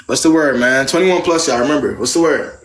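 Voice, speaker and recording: A man's voice: fairly high pitch, brisk, a bit bright. A young American man hosting a casual live advice chat, blunt and slangy, repeating phrases for emphasis. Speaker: live stream host giving dating advice.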